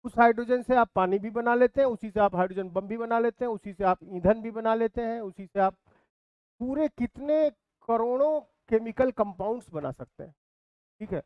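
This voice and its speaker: A man's voice: very high voice, normal speed, smooth, dry recording, lo-fi sound. A man teaching a physics class in speech, repeating key terms and asking his students questions. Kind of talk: classroom lecture.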